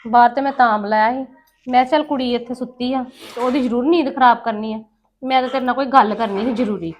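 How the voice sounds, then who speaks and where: A woman acting as an aunt in a scripted family drama, scolding and emotional, her voice rising loud when upset. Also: on the high side, steady tone, quick pace, a little hiss or hum.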